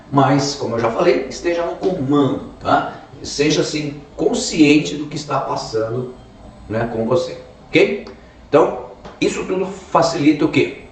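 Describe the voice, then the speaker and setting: A man's voice: a little high, a little hiss or hum. A man with a Brazilian Portuguese accent giving a self-help talk, explaining step by step and tagging his sentences with "tá?" and "né?". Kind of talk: motivational talk to camera. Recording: echoey room, mic at a distance.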